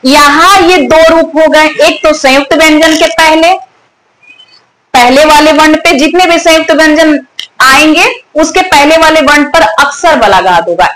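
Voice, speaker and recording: A woman teaching a Hindi grammar lesson, repeating example words slowly to show where the stress falls and asking the students questions. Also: high voice, fairly bright tone. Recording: echoey room with faint ambient noise.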